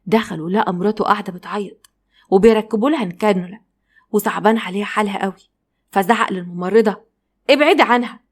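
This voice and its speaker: A woman with an Egyptian Arabic accent reading a story aloud in a brisk, steady narration. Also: mid-range voice, breathy edge. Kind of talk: scripted narration.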